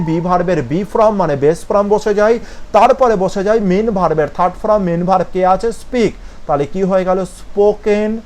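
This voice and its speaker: A male teacher with a bright, high voice and a Bengali accent walks students through English grammar one step at a time. He keeps checking whether the class is following along. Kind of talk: coaching class lesson.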